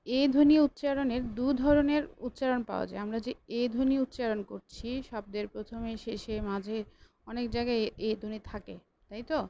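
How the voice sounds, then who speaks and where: Woman lecturer teaching online, higher voice. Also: steady tone, a little fast, warm tone, muffled recording, a little hiss or hum. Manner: patient, repeats points, corrects own slips. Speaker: college lecturer.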